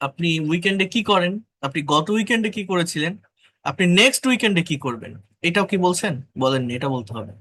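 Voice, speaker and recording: A man with a Bengali accent teaching spoken English in an online class, correcting pronunciation word by word and repeating words slowly. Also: sits high, expressive, bright, forceful tone.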